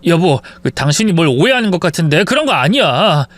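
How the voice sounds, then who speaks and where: A narrator voicing a young husband caught lying, stammering and pleading in a spoken-story drama. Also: male voice, a little high, big pitch swings, brisk, fairly bright tone, no room sound.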